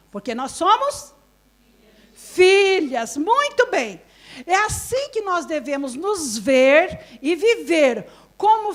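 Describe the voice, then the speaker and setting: A woman pastor with a Brazilian Portuguese accent, giving a live sermon at a women's conference. She asks the audience questions and laughs often. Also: very high voice.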